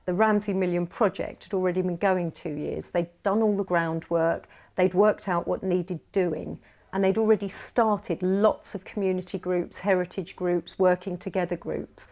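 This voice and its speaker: A woman leading a heritage project, speaking clearly and measuredly in an interview. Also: lowish voice, fairly even intonation, normal speed, a little mellow.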